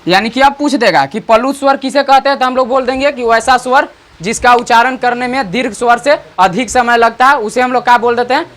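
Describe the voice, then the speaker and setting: Teacher, grammar lesson, repeats points, rhetorical questions, middle pitch. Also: a little fast, a bit bright. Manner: repetitive, rhetorical questions and checks for understanding. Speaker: online Hindi teacher.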